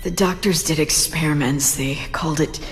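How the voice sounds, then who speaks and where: A woman's voice: low voice, moderate pace, close to an everyday voice. Sultry, defiant cat burglar Felicia played by a woman, echoing. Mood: confessing, intense. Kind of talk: video game voice acting. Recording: reverberant hall, faint music behind.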